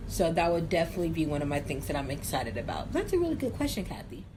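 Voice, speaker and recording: A young woman hosting a casual question-and-answer vlog, chatty and hedging, with drawn-out phrasing. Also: sits low, huge pitch swings. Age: young adult. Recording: noisy room ambience.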